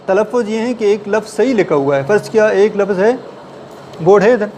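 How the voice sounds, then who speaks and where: A man's voice: sits high, noisy background. A man teaching a writing class in a classroom, explaining step by step and often putting questions to the listeners. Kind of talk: classroom lecture. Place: classroom with a board.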